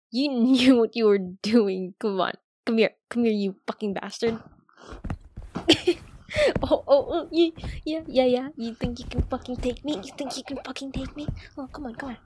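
A woman's voice: fairly high pitch, a little mellow, no room sound, studio quality. A young woman voicing a cocky, teasing friend's older sister in an audio roleplay, swearing freely and laughing often. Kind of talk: audio roleplay addressing the listener.

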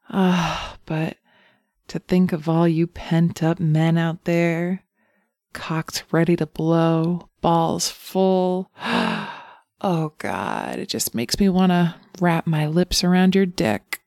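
A wicked, playful succubus purrs in a low, unhurried voice with a gravelly edge, played by a woman. She teases and often sinks into breathy whispers right at the mic. The sound is dry and close, with no room around it. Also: dark tone, dry recording. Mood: teasing. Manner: teasing, breathy, slips into whispers. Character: seductive teasing female succubus, playful and wicked. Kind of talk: erotic audio roleplay.

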